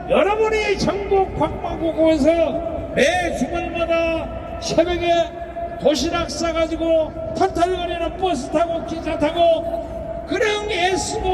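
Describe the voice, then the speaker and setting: Very high-pitched man addressing noisy rally. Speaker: political rally speaker. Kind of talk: impassioned rally speech, often shouted. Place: outdoor city street rally. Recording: noisy outdoor rally, crowd and traffic.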